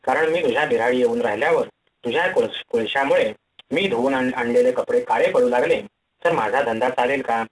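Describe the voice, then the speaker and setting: A man's voice: mid-range voice, fairly quick, distant mic, natural voice, poor audio. A man voicing a practical washerman. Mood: objecting. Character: practical washerman refusing an offer.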